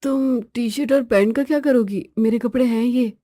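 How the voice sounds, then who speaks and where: A woman's voice: a little high, normal speed, mellow, no room sound, studio quality, lightly acted. A woman voicing a weary, henpecked young husband in a storybook tale, grumbling and pleading.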